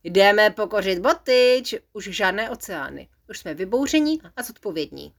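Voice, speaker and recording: A woman's voice: medium pitch, animated. A woman voicing a jolly, reckless dad going canoeing in a bedtime story, boisterous and bragging. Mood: boastful. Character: jolly, reckless adult male paddler, a dad.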